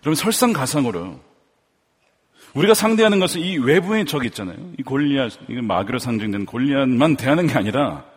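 A man preaching a sermon as a pastor, swinging between loud fervor and hushed storytelling. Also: medium pitch, very animated, brisk, breathy edge. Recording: long church hall reverb.

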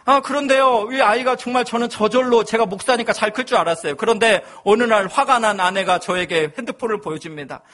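High-voiced male pastor telling a funny story. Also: a little fast, few pauses. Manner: animated, humorous storytelling. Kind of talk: sermon with personal story.

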